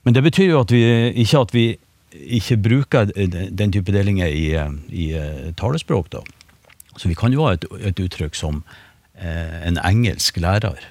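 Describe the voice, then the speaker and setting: A man explaining word sounds in a relaxed radio conversation, with frequent fillers and restarts. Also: sits low, dry recording. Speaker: phonetics expert. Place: radio studio.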